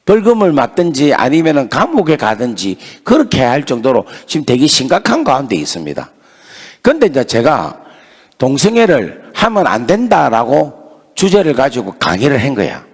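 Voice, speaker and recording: Man, pastor, Gyeongsang Korean accent, emphatic revival preaching, husky voice, long hall reverb. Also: mid-range voice, normal speed. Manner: lively storyteller acting out dialogue, emphatic. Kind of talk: revival sermon with storytelling. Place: church revival meeting hall.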